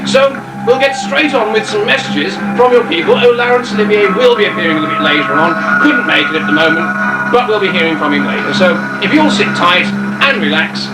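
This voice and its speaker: Man, narrating, wry, deadpan jokes, fairly high voice, echoey. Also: a little fast, loud music behind the voice. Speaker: narrator of a home video. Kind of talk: jokey spoken intro.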